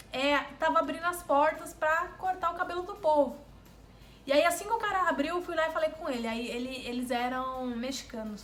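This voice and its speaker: A woman vlogger from Brazil telling a travel mishap story to her viewers in a casual, animated way, often repeating words for emphasis. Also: high voice, reverberant.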